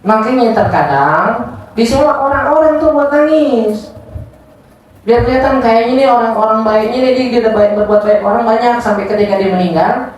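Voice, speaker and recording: A woman's voice: a little high, normal speed, darkish tone. A woman giving a casual religious study lesson, joking and acting out little dialogues as she teaches. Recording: echoey room, distant mic, faint ambience.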